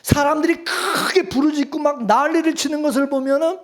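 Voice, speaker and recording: Brisk and very high-voiced, a male pastor preaches to his congregation. Rhetorical questions come thick and fast as he swings from loud urging down to hushed calm.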